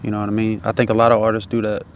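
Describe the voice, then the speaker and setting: Very fast and completely flat, a low-voiced man, an independent music artist, rambles casually in a laid-back stoner drawl packed with slang, swearing, and repeated tag phrases. A little hiss or hum comes through.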